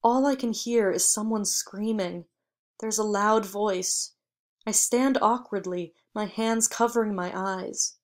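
A woman reading a short story aloud in measured, even first-person audiobook narration. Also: medium pitch. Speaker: audiobook reader.

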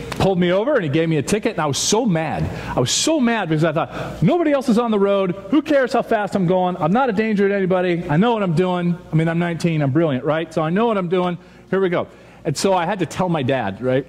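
A man in his thirties giving an animated chapel talk to students on a stage, telling stories and acting out quoted voices. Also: fairly high pitch. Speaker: youth chapel speaker. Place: large dark auditorium with stage. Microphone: stage microphone, seen from far back. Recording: reverberant hall, faint audience noise.

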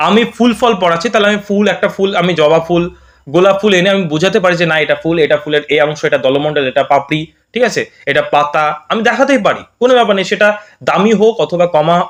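A male tutor walks through exam questions step by step, often pausing to ask if it's clear. His voice sits high and his words come quickly. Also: a bit bright. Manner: explains step by step with frequent checks like "okay?". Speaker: teacher. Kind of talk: exam prep lesson.

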